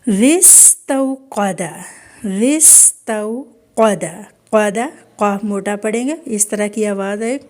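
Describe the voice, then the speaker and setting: A woman teaching Quran recitation online, explaining each sound patiently and modelling words slowly again and again. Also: medium pitch, level tone, a little mellow. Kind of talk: online tajweed lesson.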